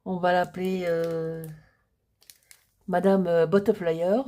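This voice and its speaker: A middle-aged woman crafter talking casually through a paper-crafting project, chatty and hesitant, with many pauses and fillers. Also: on the low side, little pitch movement, mellow.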